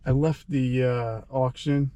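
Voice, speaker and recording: A man's voice: medium pitch, fairly even intonation, slow pace, noisy background. A man giving casual, wry vlog commentary in an informal, chatty way as he browses. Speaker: vlogger at estate sales. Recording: loud crowd chatter behind.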